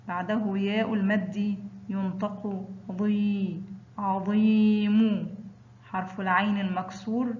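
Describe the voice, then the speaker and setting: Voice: medium pitch, a little mellow. Teacher voice, recited phonics drill, example words drawn out; slightly muffled, roomy sound. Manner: drawn-out example words after brisk letter rules. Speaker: Arabic teacher. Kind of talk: slow recited phonics lesson.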